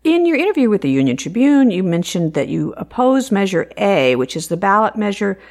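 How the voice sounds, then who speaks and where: A woman's voice: mid-range voice, very animated, fairly quick, a little mellow. A woman hosting a radio interview, asking questions in a friendly way with short affirmations.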